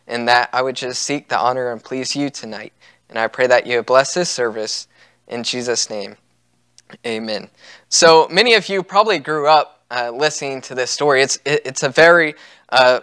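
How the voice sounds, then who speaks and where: A man's voice: a little high, sharp tone, clean tone, no echo. A young man preaching a sermon from a church pulpit, earnest and conversational, with frequent fillers and restarts. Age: young adult. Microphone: pulpit microphone.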